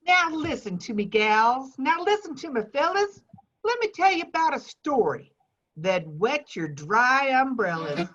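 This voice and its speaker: An actress playing an old folksy narrator who tells a rhymed melodrama tale. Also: female voice, sits high, sing-song, measured pace, fairly bright tone, lo-fi sound, exaggerated voice. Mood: folksy, eager. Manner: folksy, rhyming storyteller.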